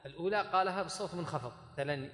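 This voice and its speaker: Male religious teacher, quick lecturing delivery, roomy echo. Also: on the high side, a bit bright. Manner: explanatory, asks questions of students, demonstrates the call to prayer. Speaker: Islamic studies teacher. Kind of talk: lecture on hadith and jurisprudence. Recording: echoey hall.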